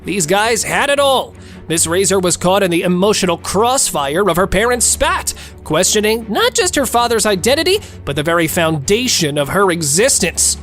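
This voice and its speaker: A woman narrator with a medium-pitched, very animated voice delivers gossipy scripted recaps. She is cheeky and theatrical, with faint music underneath. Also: normal speed. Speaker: show narrator.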